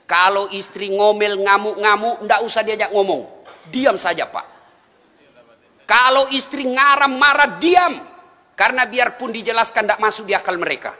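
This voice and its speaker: A man's voice: high-pitched, moderate pace, sharp tone. Joking preacher man in a hall. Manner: joking, storytelling, chuckling. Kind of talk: humorous sermon. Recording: reverberant hall.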